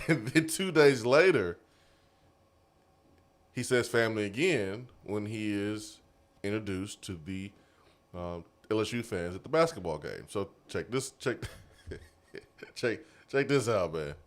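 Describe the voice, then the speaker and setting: A man with a drawl hosts a sports talk show, his low voice swinging up and down as he riffs. He talks animatedly, stretches words for emphasis and laughs easily. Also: animated, a little slow, pauses often. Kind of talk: casual sports radio chat. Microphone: studio mic.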